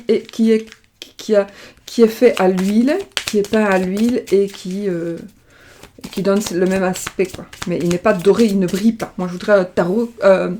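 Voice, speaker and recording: A woman's voice: mid-range voice, mellow, slight background noise. Rambling woman giving tarot readings. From France. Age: middle-aged. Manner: rambling, many fillers and restarts. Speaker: tarot card reader. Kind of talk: casual card-reading livestream. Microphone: webcam or desk mic, video call style.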